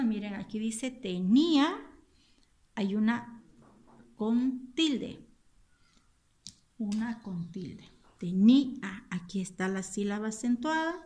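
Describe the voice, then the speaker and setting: A woman teacher, giving a recorded lesson to children and slowly repeating and spelling out each word. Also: medium pitch, darkish tone, a little hiss or hum. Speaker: school teacher.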